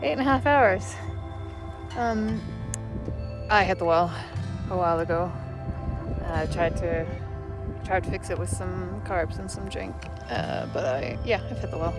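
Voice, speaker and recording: A woman hiking solo in high mountains and filming herself, talking casually and candidly to the camera with frequent exclamations. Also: unhurried, over music. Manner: chatty, candid, exclaiming, with laughs and sighs. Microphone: self-shot camera held or set nearby.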